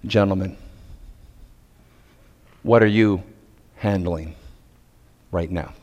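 A man from Nova Scotia preaches a sermon, dramatically moving between hushed questions and loud, emphatic points. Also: low-pitched, slow pace. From Nova Scotia, Canada. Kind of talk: sermon to men, storytelling with pointed rhetorical questions. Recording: reverberant hall.

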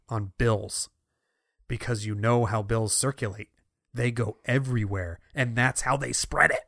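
A man's voice: mid-range voice, fairly bright tone, no room sound, clean studio sound. A man co-hosting a podcast in casual chat, playfully spinning out absurd stories. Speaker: podcast co-host.

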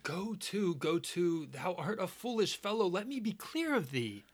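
A performer playing an impatient young man, a twin, in a stage play, exasperated and quick to fight. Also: medium pitch, very animated. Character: bewildered hot-tempered young man, a twin.

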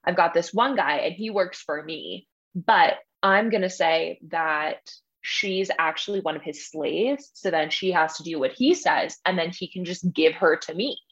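A man's voice: a little high, measured pace, fairly bright tone, breathy edge, highs cut off, full character voice. A woman doing a sly scheming Roman official.

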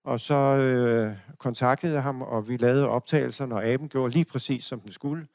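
A man's voice: medium pitch, darkish tone, dry recording, studio quality. An older man from Denmark giving a lecture, telling personal stories in a rambling, anecdotal way with restarts and chuckles. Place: lecture hall.

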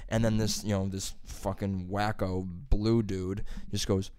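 Smooth-voiced man telling a crude story. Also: on the low side, measured pace, dry recording, clean studio sound. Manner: profane, animated anecdote-telling with acted quotes. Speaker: stand-up comedian. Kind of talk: casual podcast storytelling.

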